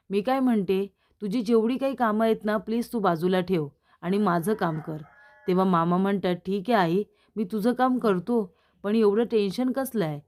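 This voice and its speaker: A woman's voice: medium pitch, darkish tone. Marathi woman retelling a TV episode. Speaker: serial recap narrator. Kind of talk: narrated episode recap with quoted dialogue.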